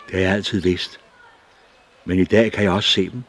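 Man reading blind old beggar, devout, eager, husky low voice, storybook. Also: fairly even intonation, a bit bright. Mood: warm. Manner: fervent, pleading.

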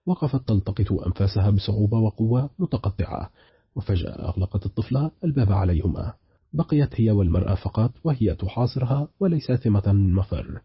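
Husky low-voiced man narrating a horror audiobook at speed, dull dry recording. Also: no echo. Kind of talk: scripted narration of a horror novel.

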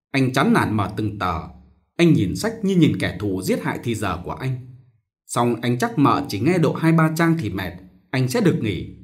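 Animated male audiobook narrator. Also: medium pitch. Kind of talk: audiobook story reading.

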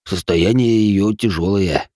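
A man voicing a calm young dark mage who questions a patient in measured tones, in an audiobook reading. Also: sits low, dry recording, studio quality.

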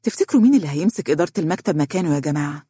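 An earnest young woman co-worker with an Egyptian accent, as the audiobook narrator voices her, quick and eager to calm things down. Dry, close sound. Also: mid-range voice, breathy edge, no echo, close to an everyday voice. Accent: Egyptian Arabic.

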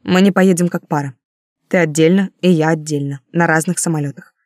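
A woman voicing a grown man who speaks low, steady and tender. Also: a little fast, no echo, clean studio sound. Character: grown man, calm and protective.

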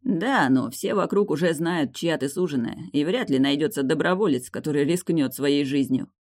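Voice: medium pitch, normal speed, darkish tone, natural voice. A reader voicing a stubborn, ruthless young man who counts down coldly and taunts his fiancée in an audiobook.

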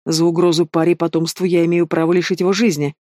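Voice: mid-range voice, level tone, fast, warm tone, dry recording, close to an everyday voice. Young male werewolf, curt and defiant, dry sound, voiced by the audiobook reader. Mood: tense.

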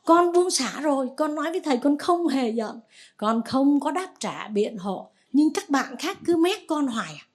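A woman's voice: sits high, lively intonation, moderate pace, pitched above the performer's own voice. A woman voicing a troubled male lay Buddhist disciple who pleads and defends himself. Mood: pleading.

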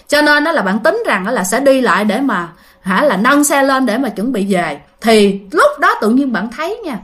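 A woman's voice: fairly high pitch, a bit bright. A woman telling a ghost story in a chatty way, talking straight to her listeners with many fillers. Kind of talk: casual spoken storytelling.

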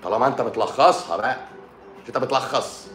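A man's voice: mid-range voice, fast talker, fairly bright tone, roomy sound, soft background music. Sarcastic Egyptian man chatting on a live stream. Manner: sarcastic, banters with viewers. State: sore throat and swollen eye. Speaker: doctor hosting a live stream. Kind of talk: casual live-stream chat answering comments.

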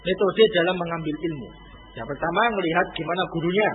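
Man, very high voice, lively lecture, rhetorical questions, long hall echo. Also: quick pace, a little hiss or hum. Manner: lively, conversational, rhetorical questions, Arabic terms. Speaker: religious teacher. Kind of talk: Islamic study lecture. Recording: echoey hall over a tinny lo-fi line.

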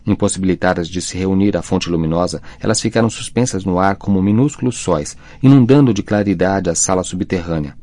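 A man tells the story as an audiobook narrator, deep-voiced and measured. His reading is dramatic but steady. The recording is close and dry, with no room sound. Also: dry recording.

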